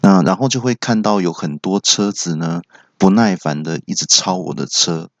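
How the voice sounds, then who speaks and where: A man from Taiwan, hosting a comedy podcast and telling self-mocking stories in a deadpan way. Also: deep voice, normal speed, no room sound. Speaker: podcast host. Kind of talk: comedy monologue.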